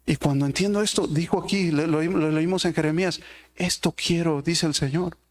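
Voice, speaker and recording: A man preaches a sermon, addressing the congregation with one rhetorical question after another. His voice sits high for a man. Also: a little fast. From Mexico.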